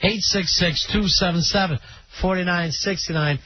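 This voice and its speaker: A man's voice: high-pitched, unhurried, no echo. A man hosting a call-in radio show, chatty and opinionated, taking callers on the line. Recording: dull lo-fi radio broadcast.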